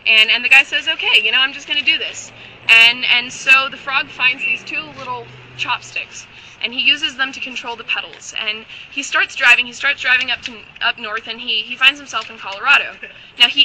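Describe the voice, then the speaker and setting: A young woman casually telling a long, joking, rambling story with asides, her voice getting hoarse. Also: fairly high pitch, bright, forceful tone, a little hiss or hum, low-quality recording.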